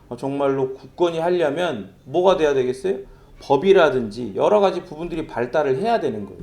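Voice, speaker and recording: Male pastor, middle-aged, sermon, gravelly voice, lively up-and-down pitch. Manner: conversational, storytelling with vivid sound imitations.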